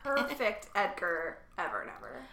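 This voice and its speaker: A woman's voice: lowish voice, huge pitch swings, moderate pace, vocal fry, crowd noise. A woman co-hosting a casual chat. She talks in an offhand, opinionated way and often trails off mid-thought. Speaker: podcast co-host. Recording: echoey room.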